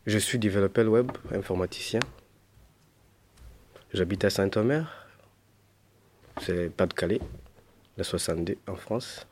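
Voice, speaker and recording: A man in his thirties from Rwanda introduces himself in a calm, even way. His voice sits low, and faint clicks can be heard behind him. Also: unhurried, pauses often, a little hiss or hum. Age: 30s. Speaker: web developer.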